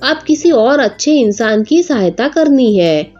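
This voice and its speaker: A woman's voice: sits high, expressive, unhurried, a little mellow, dull audio, faint music behind. A woman voicing a benevolent magical talking cooking pot that speaks solemnly, in a storybook tale.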